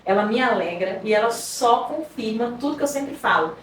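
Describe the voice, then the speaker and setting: A woman with a Brazilian Portuguese accent hosting a podcast, enthusiastic and warm in a casual chat. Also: on the high side, lively intonation, moderate pace. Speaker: podcast host. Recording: roomy echo, distant mic, faint background noise.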